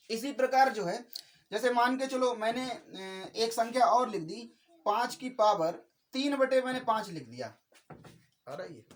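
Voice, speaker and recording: A male maths teacher giving a classroom-style lecture, slow and repetitive, adding "okay brother" after nearly every sentence. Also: very high-pitched. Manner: slow and repetitive, spells out each step.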